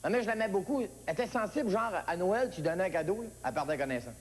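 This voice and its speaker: Lively Québécois man telling a comic tale. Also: fast, big-room sound, slight background noise. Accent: Québécois French. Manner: storytelling, acts out characters with high yelps. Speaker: stand-up comedian. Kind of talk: comic monologue.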